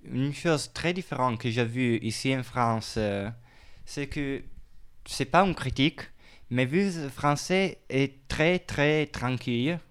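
Italian man with a smooth voice. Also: mid-range voice, slow. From Italy. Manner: searching for words, self-correcting. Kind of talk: casual conversation.

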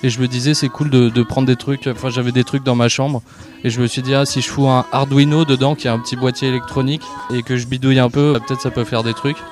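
A man's voice: mid-range voice, little pitch movement, fast talker, music in the background. Hesitant young man in a radio interview. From southern France. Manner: hesitant, many fillers, easygoing laughs. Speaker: guest musician. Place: outdoor festival park.

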